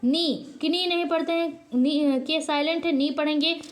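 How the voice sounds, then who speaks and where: A woman's voice: sits high, fairly even intonation, unhurried. A woman teacher giving an online lesson, repeatedly asking a question and then answering it herself, with frequent hesitations and self-corrections. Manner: drills by asking and answering her own questions. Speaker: channel host.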